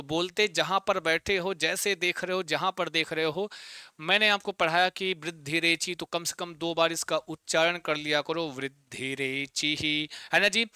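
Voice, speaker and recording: Male Sanskrit tutor, fairly high bright voice, crisp and dry, constant "got it?" check-ins, spells out syllables slowly. Online exam-prep lesson. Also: dry recording. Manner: drills students with repeated questions and tag checks. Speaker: Sanskrit teacher.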